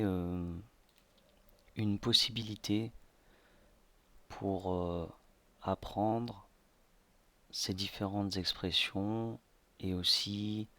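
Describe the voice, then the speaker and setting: A man narrating a slideshow language lesson slowly, with many hesitations. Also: fairly low pitch, fairly even intonation, sharp tone, dry recording. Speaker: language teacher.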